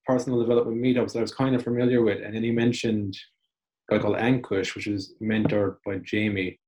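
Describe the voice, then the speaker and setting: A young man with a lowish voice, chatting in a relaxed interview. He thinks aloud, full of small restarts and fillers as he works through his points. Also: fast. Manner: reflective, loose, many restarts and "like". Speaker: podcast guest. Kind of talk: casual conversational interview.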